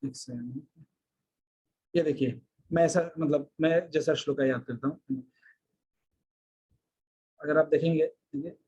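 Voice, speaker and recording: A man leads a devotional lesson over a video call, explaining things patiently and unhurriedly. Now and then he breaks into slow, melodic chanting of Sanskrit verses. His voice sits a little on the high side for a man. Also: steady tone, warm tone, slightly rough, lo-fi sound. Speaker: presenter teaching shloka memorisation. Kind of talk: devotional teaching talk.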